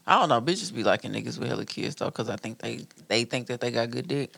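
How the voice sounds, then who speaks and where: A man's voice: mid-range voice, fast, creaky, pushed and bright, no echo. A man co-hosting a casual podcast chat, making blunt, teasing jokes.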